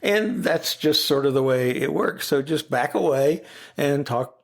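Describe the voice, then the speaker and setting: A man in his seventies speaking as a podcast guest, giving calm advice in a panel discussion. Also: a little high, a little slow, creaky. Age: 70s.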